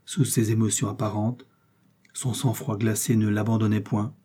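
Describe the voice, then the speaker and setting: A male audiobook narrator with a very dark, mellow voice and a husky edge. His measured, expressive reading suits a classic adventure novel. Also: fairly low pitch.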